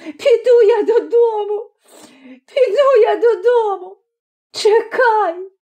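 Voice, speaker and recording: Woman voicing a shrill, sobbing young peasant woman. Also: takes it slowly, warm tone, muffled recording. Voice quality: shrill, tearful outcries. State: crying. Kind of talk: audiobook character voice.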